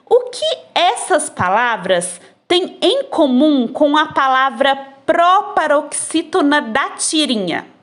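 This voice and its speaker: A woman teacher talks children through their exercises at an unhurried, careful pace. Her voice sits high and moves widely up and down as she stresses each point. It sounds like a phone recording. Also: big pitch swings, a bit bright. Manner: slow, patient, drawn-out explaining to children. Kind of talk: recorded lesson explaining textbook exercises.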